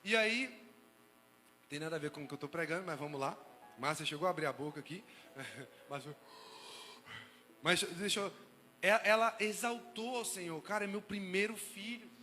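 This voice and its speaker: A man pastor with a Brazilian Portuguese accent, preaching a joking sermon that swings from shouts to hushed asides. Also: fairly high pitch, animated, normal speed, long pauses, in a large hall, faint music behind.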